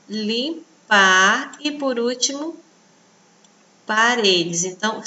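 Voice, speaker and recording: A Brazilian Portuguese woman teaching children in a recorded online lesson, slow and patient, pointing things out on the page. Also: mid-range voice, bright, forceful tone, dull audio, a little hiss or hum. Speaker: primary school teacher.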